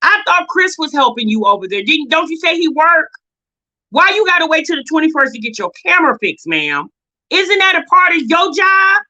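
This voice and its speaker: An American woman hosting a reaction video speaks in an extremely high, sharp voice with big swings in pitch and a moderate pace. Her commentary is casual and opinionated, blunt and sassy, and she often sounds exasperated, peppering it with rhetorical questions.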